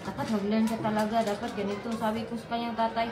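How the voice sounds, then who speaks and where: A woman's voice: a little high, flat delivery, quick pace, echoey room. A pregnant woman chatting in a casual vlog while out walking with her children, telling family stories in a mix of languages. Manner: chatty, storytelling, mixes languages. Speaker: vlogger mother.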